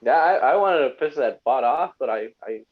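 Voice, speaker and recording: A man's voice: mid-range voice, expressive, brisk. A man in his late twenties from Texas chats on a casual livestream. He talks hesitantly, with lots of fillers, and giggles often. The sound is dull and lo-fi. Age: 20s. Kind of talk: casual live chat.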